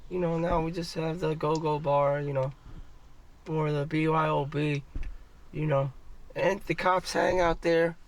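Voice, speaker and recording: Gravelly man ranting profanely on stream. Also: on the high side, steady tone, measured pace. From United States. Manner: profane, rambling, repeats himself. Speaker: livestreamer. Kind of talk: casual ranting monologue. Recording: distant mic with faint background noise.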